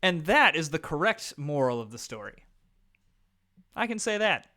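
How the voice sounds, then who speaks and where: A gaming YouTuber in his thirties with a Midwestern American accent gives casual let's-play commentary while playing a board game online. He rambles, leans heavily on fillers, and pokes fun at himself. His slightly high voice is very animated and sharp, at a moderate pace.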